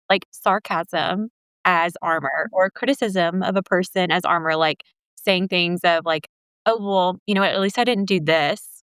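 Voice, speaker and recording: A woman in her twenties, a podcast co-host and couples counselor, talking in a casual, animated way with lots of "like.". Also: on the low side, clear, resonant tone, dry recording. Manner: animated, fills speech with "like".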